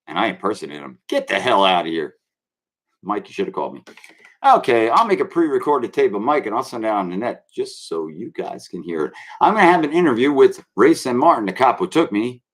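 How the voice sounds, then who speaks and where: A man's voice: fairly low pitch, sing-song, fairly quick, a bit bright. Brash swaggering man ranting on a stream. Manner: brash, swaggering, addresses viewers as kids. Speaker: online show host. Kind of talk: rambling live-stream rant.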